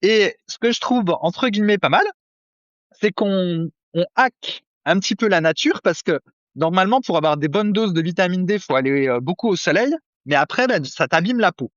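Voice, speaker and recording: High-voiced chatty French podcast man. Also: expressive, moderate pace, fairly bright tone, dry recording, highs cut off. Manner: chatty, many fillers, jokey asides. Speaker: podcast co-host. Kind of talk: casual chat.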